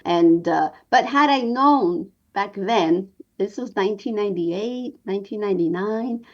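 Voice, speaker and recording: A sixty-something New Yorker who works as a documentary producer tells her story for an interview, earnest and unhurried, with lots of pauses. Her pitch is medium, and the sound is lo-fi.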